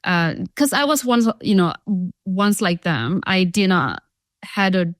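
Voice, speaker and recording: Appearing as an interview guest, the young Thai founder of a social enterprise talks earnestly and chattily, leaning often on "you know" and "like." The studio-quality recording has no room sound, and her medium-pitched voice swings widely in pitch at a measured pace.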